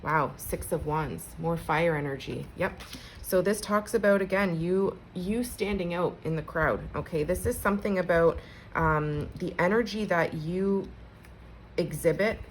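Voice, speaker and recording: A woman's voice: lowish voice, unhurried, a little hiss or hum, poor audio. A woman giving a casual collective tarot reading, chatting conversationally and speaking straight to her viewers. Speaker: tarot reader.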